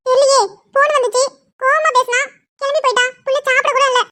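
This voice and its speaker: A woman's voice: very high-pitched, flat delivery, fast talker, sharp tone, pitched above the performer's own voice. A woman voicing a fussing old grandmother who worries about the family. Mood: worried.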